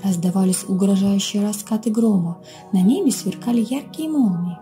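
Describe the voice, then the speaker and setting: A woman reading a children's fairy tale aloud in a gentle, expressive storytelling way. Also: medium pitch, moderate pace, soft background music. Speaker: children's librarian reader.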